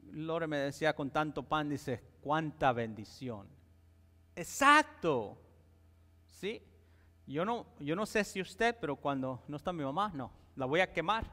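A man's voice: fairly high pitch, pushed and bright. A man preaching a sermon in a church, talking conversationally and often checking in with the congregation. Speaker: pastor. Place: church sanctuary. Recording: long church reverb.

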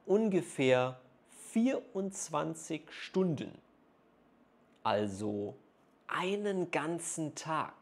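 Very slow, carefully spoken man. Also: medium pitch. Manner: very slow, carefully articulated phrases with pauses. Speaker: German teacher vlogger. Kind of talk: slow, clear speech for learners. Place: small room indoors. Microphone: clip-on lapel mic.

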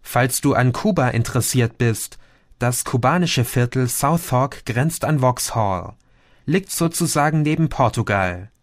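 A man's voice: mid-range voice, lively intonation, a little slow, no echo, studio quality, lightly acted. A man doing a chatty Portuguese café owner. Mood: friendly, chatty. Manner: friendly, talkative, explaining.

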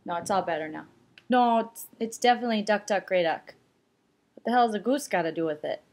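A woman's voice: mid-range voice, lively intonation, fairly quick, a little mellow, lightly acted. Woman putting on a chatty, folksy Minnesota-accented woman. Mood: matter-of-fact. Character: chatty, opinionated, grumbling small-town Minnesotan woman. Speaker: comedian. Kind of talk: comedy sketch monologue, casual chat. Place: rooms at home, indoors.

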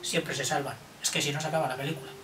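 An older man teaches a children's counting lesson, playfully racing the listener through number sequences. His voice is bright and fairly high. It sounds recorded from a distance in an echoey room. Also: steady tone, racing, slight background noise.

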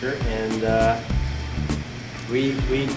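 Brewmaster in an echoey brewery. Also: male voice, medium pitch, little pitch movement, drawn-out words. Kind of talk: casual promo chat. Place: brewery taproom. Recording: echoey room, distant mic, music behind.

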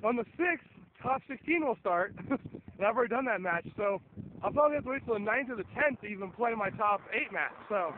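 Walking outdoors along a windy suburban road, a tired young adult vlogger talks in a high, animated voice at a fairly quick clip, his voice starting to go. He rambles, leans on fillers and swears casually, speaking into an earphone mic with the phone at arm's length. The recording sounds tinny and phone-like, with wind in the background.

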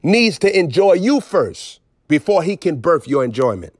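A man preaching with emphatic swings between low intensity and raised outbursts. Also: very animated, moderate pace, slightly rough, no room sound, clean studio sound. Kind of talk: preaching on a phone broadcast.

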